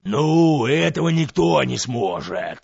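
A man voicing a boastful, clumsy male serpent-dragon in a folk tale, with a raspy, gravelly voice and a slow drawl. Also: mid-range voice, very animated, darkish tone, no room sound, dull audio, exaggerated voice.

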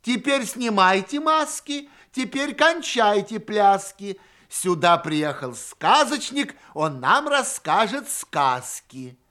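A cheerful, bossy auntie runs a children's party in a storybook poem, put on by a man. She calls out in a high, loud sing-song that leaps up and down. Her voice is strained and bright, like a hostess herding a crowd of kids. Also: very animated, slow, hardly any pauses, heavily acted. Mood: cheerful shouting.

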